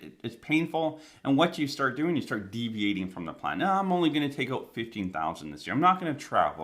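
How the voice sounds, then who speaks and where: A man's voice: mid-range voice, fairly bright tone. A Canadian man giving conversational financial advice to camera, his speech slightly impeded by a numb, swollen mouth after oral surgery. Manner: emphatic, conversational, repeats key phrases. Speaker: financial planner hosting an advice channel.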